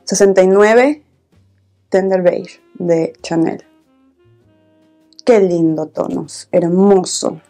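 A woman vlogger speaks in a soft, hushed, intimate way, as if keeping her volume down. Her voice is mellow with plenty of gentle creak. She chats casually through a beauty routine over faint background music. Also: fairly low pitch, takes it slowly, long pauses. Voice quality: soft-spoken. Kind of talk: casual get-ready-with-me makeup chat. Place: small indoor room, filming setup.

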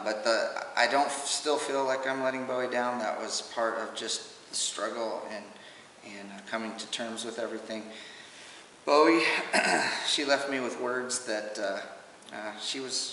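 A man speaks in a low, even voice, halting and emotional as he gives a personal testimony at home. It sounds like old home camcorder audio, picked up from across a roomy space with a long reverb tail and a faint hiss underneath. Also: gravelly, recorded from a distance. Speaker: father giving a personal testimony.

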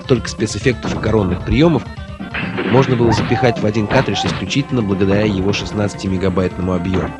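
A man's voice: lowish voice, fairly even intonation, fast talker. A man reading a scripted video game review in a wry manner. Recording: voice-over under loud game music. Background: loud game music and effects.

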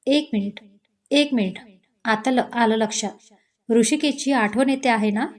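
A woman's voice: fairly high pitch, a little slow, close to an everyday voice. A woman voicing a teasing, outspoken young woman who is a loyal friend, in a storybook reading. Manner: playful then indignant.

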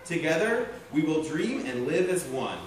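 A young man officiates a wedding in a very echoey church, reading the ceremony aloud. His fairly high voice swings widely in pitch. It sounds far from the mic. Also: sing-song, normal speed. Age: young adult. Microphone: distant camera. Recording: echoey church, distant mic, loud ambient noise.

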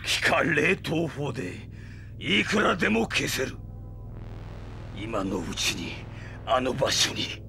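A man's voice: mid-range voice, sing-song, takes it slowly, creaky, pauses often, heavily acted. An actor playing a cruel, megalomaniac vampire villain in a Japanese audio drama, theatrical and gloating, drawing out his menace. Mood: desperate scheming. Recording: music bed under the voice.

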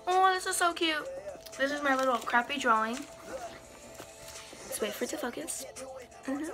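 High-voiced teenage girl, casually reading aloud. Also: animated, normal speed, over music. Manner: amused, self-deprecating asides. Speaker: vlogger. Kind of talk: casual reading aloud from old journal with commentary. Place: small bedroom, indoors.

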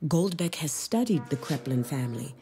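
A woman's voice: low voice, animated, moderate pace, dark tone, slight background noise. A woman reading scripted narration for a nature documentary.

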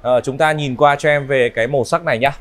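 A man in his thirties with a northern Vietnamese accent gives an unscripted used-car sales walkaround in smooth, polite, repetitive patter. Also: medium pitch, fast talker, fairly bright tone. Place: large indoor car showroom. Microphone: clip-on lapel mic.

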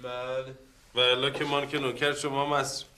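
An actor playing a fawning, flustered young office clerk in a comedy series, stammering when cornered. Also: male voice, medium pitch, flat delivery, background noise, natural voice. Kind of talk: sitcom acting.

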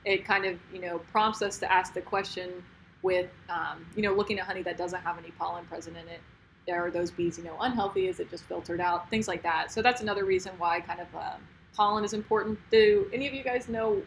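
A woman's voice: fairly low pitch, fairly even intonation, brisk, gravelly, slight background noise, rough recording. Young woman leading a casual talk. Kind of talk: casual discussion.

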